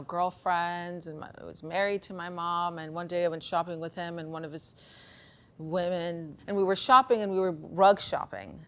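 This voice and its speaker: Her lowish voice is clear and resonant as this Pakistani woman of Afghan descent shares personal stories at a conference about beliefs and performance, casual, animated, and conversational, acting out snippets of dialogue.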